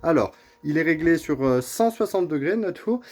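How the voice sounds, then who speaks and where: A woman with a low, deep voice talks through a recipe in her home kitchen. Her tone is soft and mellow, and she patiently encourages a child helping her at each step. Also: lively intonation, normal speed. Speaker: parent cooking with her child on his channel. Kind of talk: step-by-step cooking instructions.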